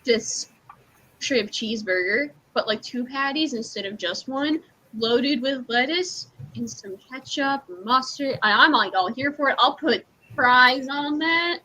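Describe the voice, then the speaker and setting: A woman cosplayer chatting in character on a livestream, bubbly and excitable. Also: high voice, a little slow, a little hiss or hum, low-quality recording. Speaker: cosplayer answering questions in character.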